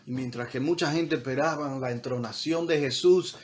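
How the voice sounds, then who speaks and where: A man's voice: medium pitch, normal speed, a little mellow, slight background noise. A man preaching a sermon as pastor, talking conversationally with repeated words and building to emphatic peaks, mixing in English words.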